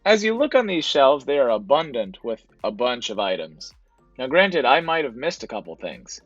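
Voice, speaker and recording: A man's voice: mid-range voice, very animated, moderate pace, no room sound, soft background music. Casual male reseller narrating, dry and muffled. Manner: casual, explanatory, repeats "to be honest". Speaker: reseller vlogger narrating his thrift store trip. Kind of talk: voice-over vlog narration.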